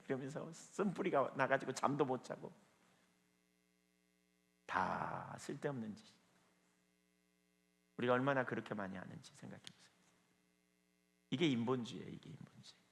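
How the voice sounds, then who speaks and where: A man's voice: medium pitch, animated, normal speed, gravelly, long pauses, in a large hall. A man preaching a sermon as pastor at a small evening prayer meeting, emphatic and firing rhetorical questions at the listeners.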